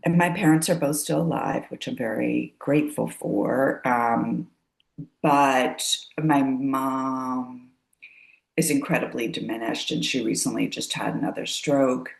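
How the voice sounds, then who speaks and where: A middle-aged woman sharing in a casual group check-in, soft and halting, sometimes dropping almost to a whisper. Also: a bass voice, steady tone, vocal fry, echoey room.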